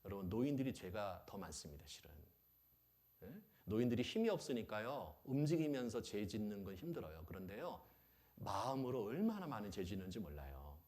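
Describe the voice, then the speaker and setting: A man preaching as a pastor, animated, asking the audience questions and acting out little scenes. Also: fairly low pitch. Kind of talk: lively sermon.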